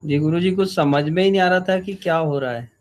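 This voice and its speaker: A male devotee with a voice a touch higher than most men's answers his teacher in a devotional gathering. He speaks respectfully and haltingly, searching for words as he goes.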